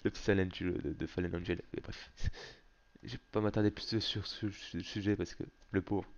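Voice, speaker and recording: Male gaming host, casual commentary, excitable and foul-mouthed, muffled home mic. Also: low voice, moderate pace. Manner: excitable, swears often.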